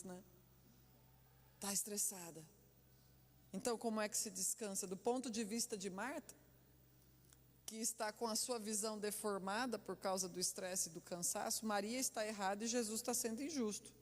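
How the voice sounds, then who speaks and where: A woman pastor preaching a sermon, telling stories with lively, animated delivery and laughter. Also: mid-range voice. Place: church hall. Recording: echoey church hall.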